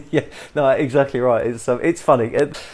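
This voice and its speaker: A man's voice: medium pitch, wildly swooping pitch, darkish tone, husky. English guy hosting a podcast, mid voice, keeps restarting his sentences. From England. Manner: halting, many restarts and fillers, chuckles often. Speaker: podcast host. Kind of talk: podcast interview.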